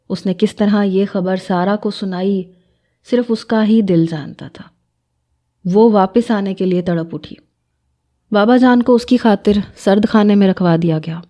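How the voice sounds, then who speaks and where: A woman narrating an emotional story in a soft, measured, sorrowful way. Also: medium pitch.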